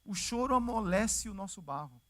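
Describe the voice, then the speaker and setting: A male pastor with a Brazilian Portuguese accent, preaching a sermon in a lively, conversational way and acting out the scripture scenes. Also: high-pitched, moderate pace. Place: church service.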